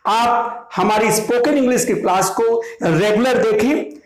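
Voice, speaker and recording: A man's voice: high voice, unhurried, roomy sound, rough recording. An Indian man teaching a spoken English class in a classroom, explaining each point step by step and repeating it in Hindi. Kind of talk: classroom language lesson. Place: classroom with students.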